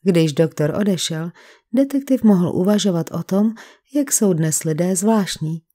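Female audiobook narrator, warm lower voice, calm measured storytelling. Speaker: audiobook reader. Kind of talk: scripted narration of a detective story.

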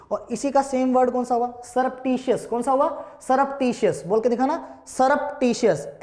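The voice is high-pitched and warm, belonging to a man with an Indian accent who teaches English words online in classroom style. Repeated call-and-answer questions drive his drills, and he spells each word letter by letter while asking the same question again and again.

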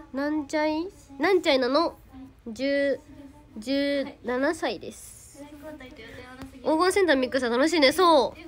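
A teenage girl from Hyogo with a Kansai accent, chatting casually on a livestream, reading out viewer comments and thanking fans by name. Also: high-pitched. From Hyogo, Japan. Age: teens. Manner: bubbly, thanks viewers by name, refers to herself by name. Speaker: idol livestreamer.

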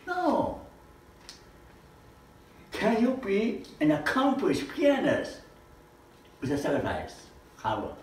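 Taking it slowly and pausing often, an older man with a high-pitched, slightly mellow voice whose pitch swoops wildly gives a casual lesson, posing rhetorical questions and gesturing broadly. He's in a living room with a projector screen, filmed by a camera across the room. The recording is echoey and distant, with slight background noise.

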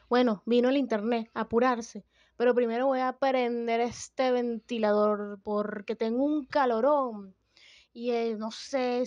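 Exasperated, sassy young Venezuelan woman, woman actor, a bit high, dry and lo-fi sound. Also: dry recording, natural voice. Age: young adult. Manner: exasperated, complaining, sharp-tongued. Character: fed-up young woman, grumbling, short-tempered. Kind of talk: comedic student film acting. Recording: dull, dry, lo-fi.

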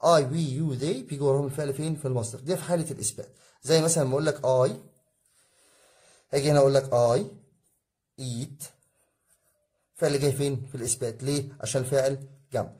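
This English teacher, who has an Egyptian Arabic accent, reviews for an exam by asking his students questions and then supplying the answers, calling them "guys" as he drills rules. His mid-range voice is mellow and fairly even, quick but with frequent pauses.

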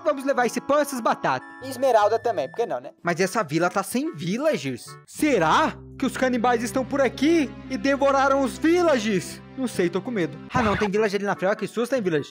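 A man with a Brazilian accent doing playful, excitable let's play commentary and often acting scared. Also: high-pitched. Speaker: gaming youtuber.

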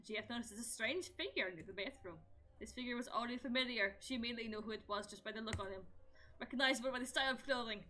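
A woman streaming live, chatting casually with viewers, giggly and excitable, laughing often. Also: on the high side, fast.

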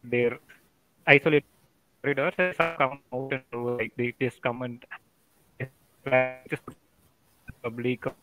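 A man speaking in halting, fragmented phrases over a glitchy online call whose audio keeps breaking up. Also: medium pitch, sharp tone, dry recording, faint music behind. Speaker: guest expert. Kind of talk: online panel discussion. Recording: tinny phone-like call line.

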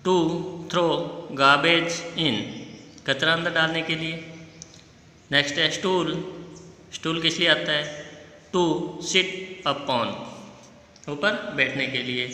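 A man with an Indian Hindi-speaking accent teaches a children's English class, spelling each word out letter by letter. His voice is very bright and he talks slowly, pitched a little high. The sound rings in an echoey room with a long reverb tail. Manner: spells words letter by letter and repeats them slowly. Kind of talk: classroom lesson explaining English words in Hindi.

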